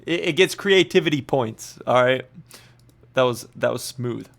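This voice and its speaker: A man hosting a music reaction channel, giving casual, excitable commentary and laughing often as he gushes. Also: mid-range voice, a little slow, vocal fry.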